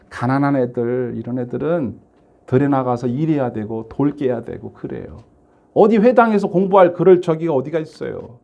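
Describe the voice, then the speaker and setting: A middle-aged male pastor preaching in a chatty, lively way, his pitch leaping up and down as he fires questions at the congregation. His voice sits high for a man, and he acts out quoted lines with sudden jumps in loudness. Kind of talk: sermon.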